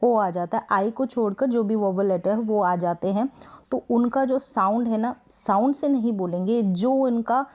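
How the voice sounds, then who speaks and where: A woman's voice: fairly high pitch, a little mellow. A woman teaching English spelling rules, patiently repeating points and asking herself questions before answering them. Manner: patient, repetitive, asks and answers own questions; drawn-out word sounding. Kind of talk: Hindi-language spelling lesson.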